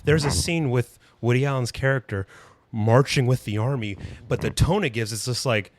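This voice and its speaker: A man's voice: mid-range voice, normal speed. A man co-hosting a podcast in casual chat, telling stories with animation and acting out quotes. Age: adult with young kids. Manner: animated storytelling, acts out quotes. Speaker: podcast co-host.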